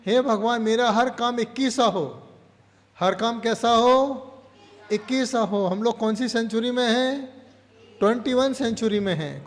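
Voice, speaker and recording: A man's voice: high-pitched, in a large hall. A man teaching a class in religious verse, asking questions, repeating the answers and leading chants syllable by syllable.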